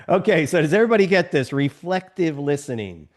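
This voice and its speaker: A man teaches a class over a video call and keeps checking that everyone follows. He often acts out short little scenes. His pitch jumps around a lot. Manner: acts out little scenes with other people's voices. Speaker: instructor. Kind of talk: live online lecture.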